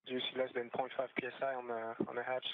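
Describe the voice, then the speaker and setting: A man's voice: medium pitch, flat delivery, fast talker, narrow, tinny audio. A man working as an astronaut reads out procedural figures over a band-limited space radio communicator link. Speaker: astronaut crew member.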